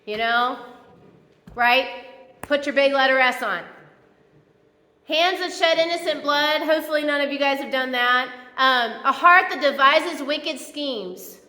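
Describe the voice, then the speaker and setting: A woman's voice: high voice, a little slow, sharp tone. A woman pastor giving a conversational, playful sermon in a church, acting out the quotes she tells. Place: church sanctuary. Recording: echoey church hall.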